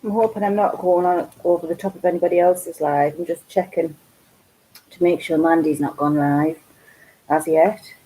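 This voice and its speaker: A woman's voice: on the low side, steady tone, normal speed, mellow, breathy edge, poor audio. A woman with a Geordie accent hosting a casual live craft stream from home, chatting and rambling with lots of ums. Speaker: craft channel host.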